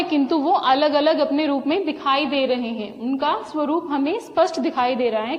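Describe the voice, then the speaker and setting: A woman teacher giving a slow classroom lesson, speaking to the children, repeating each point and coaxing them along. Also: sits high. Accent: Hindi. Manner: slow and repetitive, addressing children. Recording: dull, lo-fi sound with a long hall reverb.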